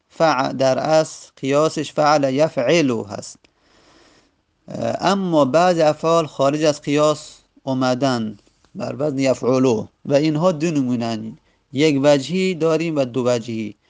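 Gravelly man slowly teaching grammar. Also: mid-range voice, darkish tone. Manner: slow, halting, repeats each word before glossing it. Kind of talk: classroom lecture explaining verse word by word.

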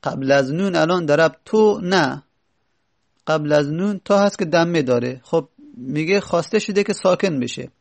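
A man explains grammar rules in a lesson, step by step and with lots of repetition. His voice sits a little high and carries a gravelly rasp. He slows right down to spell out example words. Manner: methodical, repeats example words slowly. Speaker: teacher.

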